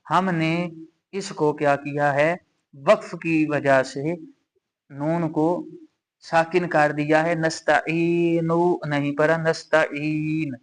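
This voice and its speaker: A man with a Pakistani Urdu accent gives a recitation lesson. His voice sits a little high, and he talks very slowly. He repeats the rules step by step and draws out the Arabic examples. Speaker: Quran recitation teacher. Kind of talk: slow explanatory lesson.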